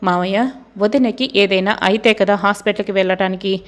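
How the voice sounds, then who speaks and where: A woman's voice: medium pitch, little pitch movement, a little fast, natural voice. A woman voicing a firm, protective young woman who speaks sternly, as dialogue in a serial recap. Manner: stern, warning.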